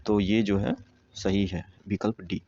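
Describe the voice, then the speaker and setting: Walking students through exam answers one step at a time, this man speaks in a low, mellow voice with fairly even intonation. He slowly repeats words while explaining, and the recording sounds close and dull.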